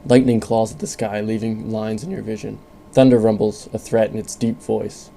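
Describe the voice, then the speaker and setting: A man reading a scripted second-person story in a calm, measured way. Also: lowish voice, gravelly, slight background noise. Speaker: narrator.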